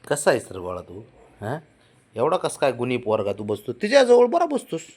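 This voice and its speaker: An older man talks to the family cat in a coaxing, babying tone. His pitch swings up and down a lot as he sweet-talks. It sounds like a casual home video. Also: huge pitch swings, moderate pace, a little mellow.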